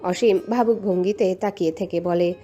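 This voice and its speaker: Reading a scripted romance as a dramatic narrator, this woman has music playing behind her. Her warm voice sits on the low side, with a steady tone at a moderate pace.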